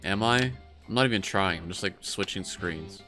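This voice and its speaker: Brief: man, let's-play commentator, low-ish voice, rambly and sweary. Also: normal speed, music in the background. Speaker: gameplay commentator.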